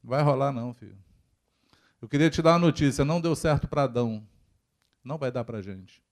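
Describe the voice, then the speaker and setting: A pastor with a Brazilian Portuguese accent preaches a sermon in church, his mid-range voice moving briskly as he addresses the congregation and puts questions to it along the way.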